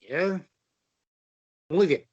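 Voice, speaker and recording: Bible study teacher, man, Chilean accent, patient and repetitive, higher-pitched voice, dry close sound. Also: extremely slow, a little mellow, dry recording, lo-fi sound. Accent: Chilean Spanish. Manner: patient and repetitive, with frequent "¿no es cierto?" and "ya" checks. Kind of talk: Bible class explanation with quiz questions.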